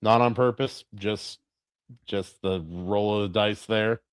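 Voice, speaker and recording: A man co-hosting a podcast in casual chat, animated, laughing often and acting out quotes. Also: lowish voice, slow pace, clear, resonant tone. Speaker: podcast co-host.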